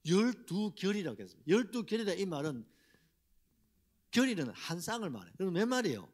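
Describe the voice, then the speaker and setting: A middle-aged man gives a Sunday sermon in a church sanctuary. His voice sits somewhat high for a man and swings widely in pitch. He keeps throwing rhetorical questions out to the congregation. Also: sing-song, fairly quick, darkish tone. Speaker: pastor.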